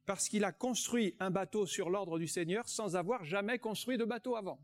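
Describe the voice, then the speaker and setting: A man delivers a sermon in a notably high voice. He reads scripture aloud and preaches with emphasis, drawing out the words he wants to land. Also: normal speed. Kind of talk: sermon with Bible reading.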